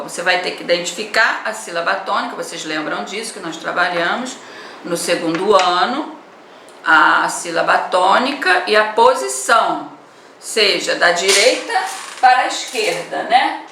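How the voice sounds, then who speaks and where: A woman's voice: medium pitch, lively intonation, unhurried, creaky. A woman teacher with a Brazilian Portuguese accent giving an online class, explaining patiently and often adding a questioning "né?". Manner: explanatory, repeats words and adds "né?". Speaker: primary school teacher. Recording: echoey room, voice from a distance, faint noise.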